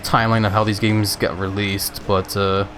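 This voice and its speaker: A man's voice: fairly low pitch, level tone, normal speed, noisy background. A man casually chatting with viewers while playing a racing game on a live stream, laid-back and laughing often.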